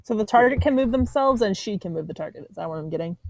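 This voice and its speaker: A woman's voice: medium pitch, expressive, fast talker, darkish tone, slight background noise. A woman playing in a tabletop role-playing game, chatting playfully with jokes and giggles. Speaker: player. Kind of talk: casual tabletop game chat.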